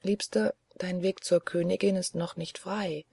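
A reader voicing a grave, frightened young woman who speaks softly in a hushed tone, in an audiobook reading. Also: mid-range voice, fairly even intonation, measured pace, creaky, slightly rough, no echo. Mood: quietly resolved.

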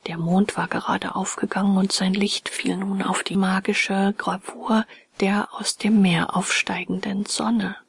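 A woman narrating a fairy tale in a soft, hushed, whispered reading. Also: medium pitch, flat delivery, unhurried, no echo, clean studio sound. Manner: soft, hushed and breathy delivery.

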